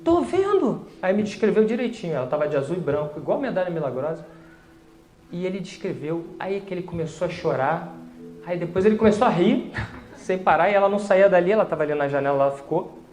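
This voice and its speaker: Animated man telling a faith story. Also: quick pace. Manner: animated, voice rising high when excited. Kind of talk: storytelling religious testimony. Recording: echoey room.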